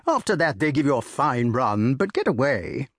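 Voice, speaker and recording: A man's voice: mid-range voice, sing-song, moderate pace, a bit bright, no room sound, clean studio sound. A man voicing a hearty, blustering old country knight who talks in bluff, clipped phrases.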